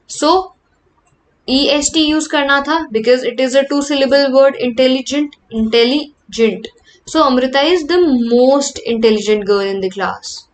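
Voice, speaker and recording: Lady teacher, slow grammar lecture, fairly high voice, faint hiss behind. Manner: reads English examples slowly, explains quickly in Hindi.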